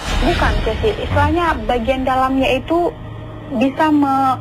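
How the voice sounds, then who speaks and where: The caller is a woman from Medan with an Indonesian accent and a high-pitched, unhurried voice. Phoning in to a radio show, she earnestly recounts a family story, repeating points and turning often to the host. Music runs under the phone-line audio.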